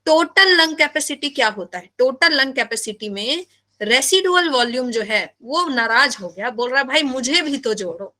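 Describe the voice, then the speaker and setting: A woman teaching biology in a live class, animated and playful, often asking her students questions. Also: high-pitched, normal speed.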